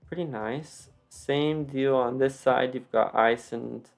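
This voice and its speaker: An unhurried voice with plenty of vocal fry and a slight lisp from wearing retainers. The speaker narrates a game build tour casually and off the cuff, wandering into self-deprecating asides. Music plays behind the commentary. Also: medium pitch. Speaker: video creator giving a game build tour. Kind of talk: casual unscripted walkthrough commentary.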